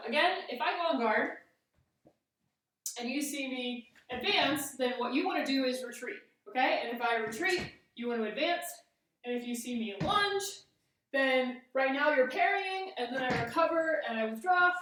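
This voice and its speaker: A woman with a fairly high voice instructs a fencing exercise step by step. She is recorded at some distance from the microphone, and the room echoes heavily around her words. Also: a bit bright. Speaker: fencing coach. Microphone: camera at a distance.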